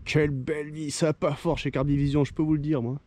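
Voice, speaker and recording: A man's voice: on the high side, flat delivery, fast, a little mellow, slight background noise. A man talking to camera while fishing outdoors by a rocky reservoir, in a chatty, exclaiming and self-mocking way. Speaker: fishing vlogger. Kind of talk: casual outdoor vlog to camera.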